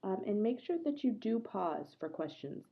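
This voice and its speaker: A woman's voice: mid-range voice, sing-song, normal speed, vocal fry. A woman giving a recorded online lecture through a laptop microphone. Her voice sounds hollow and muffled, as if she were at the bottom of a well. She talks in a conversational, earnest way and often stops to ask the class questions. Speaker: instructor.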